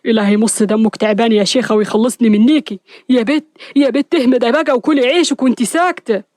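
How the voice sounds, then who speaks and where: A woman's voice: high voice, racing, no echo, clean studio sound, close to an everyday voice. A woman doing a grumpy fed-up uncle. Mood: exasperated. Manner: grumbling curses, fed-up scolding. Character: grumpy middle-aged uncle, constantly exasperated.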